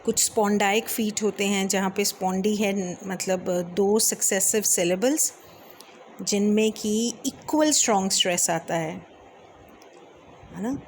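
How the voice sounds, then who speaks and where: Female lecturer, mid pitch, measured step-by-step explaining, slight background noise. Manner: explains step by step, mixing English terms, frequent fillers; reads verse lines slowly. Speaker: teacher. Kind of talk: Hindi lecture on English poetry.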